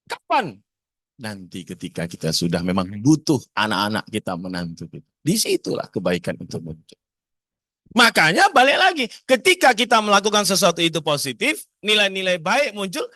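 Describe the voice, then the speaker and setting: A man giving a lively seminar talk to parents, often asking the audience questions. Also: a little high, moderate pace. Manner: animated, asks the audience questions.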